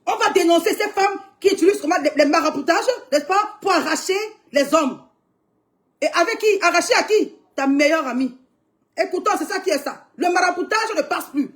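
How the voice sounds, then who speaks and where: A young woman with a very high-pitched, fairly bright voice comments briskly and emphatically on a live stream. She urges viewers to watch and keeps exclaiming, crying out to God again and again.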